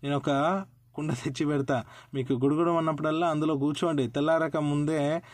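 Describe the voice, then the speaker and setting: A man voicing a crafty young male village servant who gives hushed, sly warnings. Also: a little high, steady tone, a little fast, dry recording, lightly acted. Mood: sly, persuasive.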